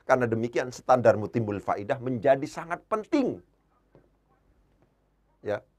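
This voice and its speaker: A man teaching Arabic grammar in a classroom lesson, repeating key phrases and slowing down to spell out Arabic words. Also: mid-range voice, expressive, a little mellow.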